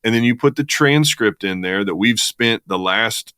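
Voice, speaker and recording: A man's voice: on the low side, normal speed, sharp tone, clear, resonant tone, no room sound, clean studio sound. A man from the US Midwest co-hosting a podcast, talking casually and enthusiastically with many restarts. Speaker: podcast co-host.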